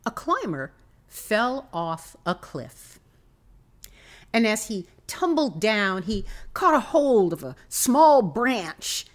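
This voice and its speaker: A woman hosts a church podcast in a lively, expressive voice that rises and falls a great deal. She speaks unhurriedly, telling stories and reading devotional texts. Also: medium pitch, slow pace. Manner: expressive, acts out voices in a story. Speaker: podcast host and pastoral nurse.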